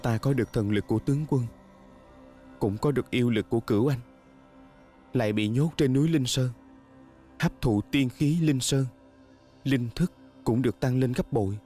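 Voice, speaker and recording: Voicing the devoted young spirit of a fantasy drama who holds himself to blame, a man delivers his lines earnestly and solemnly, full of sorrow, with music playing underneath. His voice is mid-range and dark, lightly acted, at a moderate pace broken by long pauses.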